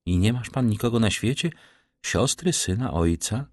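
A man's voice: lowish voice, lively intonation, moderate pace, no room sound, clean studio sound, voice pushed up. A man voicing an anxious aristocratic countess who keeps probing with questions. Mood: pressing. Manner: pressing, questioning.

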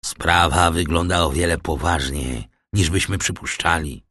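A man's voice: low-pitched, unhurried, sharp tone, dry recording, heavily acted. A man reading the part of a grave, worried older shipowner in an audiobook, solemn and subdued, in a dry recording.

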